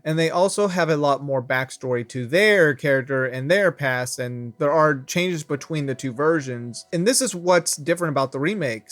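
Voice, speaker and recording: A man's voice: on the high side, a bit bright. Chatty male anime reviewer. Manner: chatty, stumbles and restarts when unsure. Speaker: anime reviewer and channel host. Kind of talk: casual review chat.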